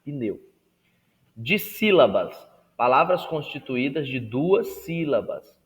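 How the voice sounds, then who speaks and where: A male teacher giving a recorded lesson, slowly drawing out each syllable as he models a word. His voice sits at an ordinary middle pitch, and it carries a long, lingering reverb as if he were speaking in a large hall. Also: big pitch swings. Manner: slow, drawn-out syllables when modelling words; asks the class rhetorical check-in questions.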